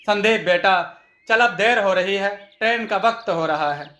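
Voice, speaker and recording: A man voicing a kindly, patient father-in-law in a storybook tale, speaking gently. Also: sits high, moderate pace. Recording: echoey room.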